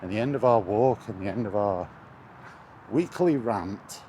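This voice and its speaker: This British gaming vlogger has a low-leaning, dark-toned voice and takes his time as he walks near traffic. He rants in a casual, scornful way, swearing bluntly. Street and passing vehicle sounds come through on the recording.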